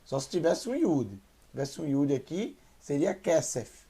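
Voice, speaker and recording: A man teaching a Hebrew reading lesson, patiently sounding out syllables and repeating words slowly. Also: a little high, big pitch swings, vocal fry, dark tone, slightly rough. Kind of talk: online language lesson.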